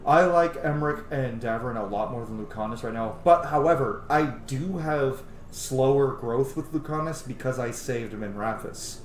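A man of around thirty, a game streamer and video host, offers casual, enthusiastic let's-play commentary with chatty asides, speaking at medium pitch and a moderate pace with few pauses. He's in a small room at home, and the roomy recording carries a little hiss or hum under video game music and dialogue.

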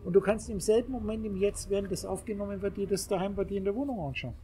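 A man's voice: high-pitched, fast, dark tone, a little hiss or hum. A man giving a spiritual lecture to a small group, speaking emphatically and addressing his listeners directly. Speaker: spiritual teacher.

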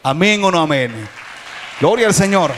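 A man preaching a sermon as pastor in a church, with a Salvadoran Spanish accent, calling out to the congregation and rising to loud exhortation. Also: high-pitched, lively intonation, normal speed, some chatter behind, a little hiss or hum. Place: church hall.

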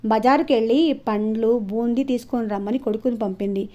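A woman storyteller giving a steady, expressive scripted narration of a story. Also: a little high, fairly quick. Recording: dull lo-fi audio.

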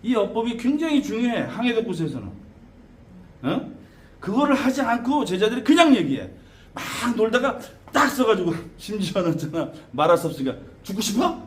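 A man teaching students as a shaman teacher, lecturing in an animated way with frequent tag questions and laughter. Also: high-pitched, a little fast. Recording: echoey room with faint background noise.

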